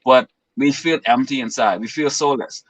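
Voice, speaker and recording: A man's voice: mid-range voice, normal speed, dry recording, poor audio. A man in his twenties from the Bahamas, talking as a guest in an earnest, philosophical way with long winding explanations. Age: 20s. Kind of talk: reflective interview talk.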